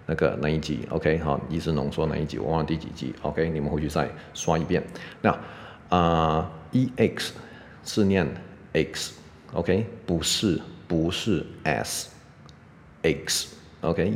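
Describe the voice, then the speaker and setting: A man teaching English pronunciation on a podcast, explaining step by step, saying "OK" constantly and sounding out words slowly. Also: low-pitched, a little mellow. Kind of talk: casual spoken lesson. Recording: long reverb, faint background noise.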